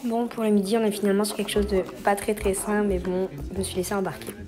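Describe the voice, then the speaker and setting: A woman's voice: mid-range voice, fairly even intonation, quick pace. A woman in her twenties, a student vlogger, talking casually to the camera in a chatty, rambling way with apologetic asides. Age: 20s. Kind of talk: casual vlog chat to camera.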